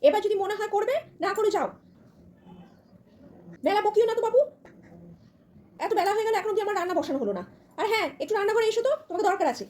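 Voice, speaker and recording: Woman doing a nagging high-pitched mother-in-law. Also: lively intonation, fast talker, long pauses, darkish tone. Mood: scolding. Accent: West Bengal Bengali. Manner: nagging, scolding, exasperated. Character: bossy old-fashioned Bengali mother-in-law, scolding. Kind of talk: comedy skit role-play.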